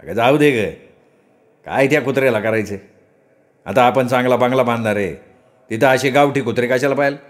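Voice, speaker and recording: A man's voice: medium pitch, brisk, pauses often, close to an everyday voice. A man voicing a brash young village man who brushes off his mother in rustic speech. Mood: boastful. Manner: dismissive, offhand, rustic speech.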